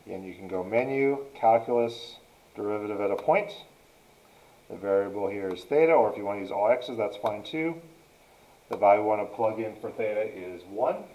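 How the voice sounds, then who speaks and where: A man's voice: lowish voice, lively intonation, normal speed, dark tone. A man giving a step-by-step math lesson as a teacher, dictating piece by piece as he works through it. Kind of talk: step-by-step lesson narration, working through a problem. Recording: dull, roomy, distant mic.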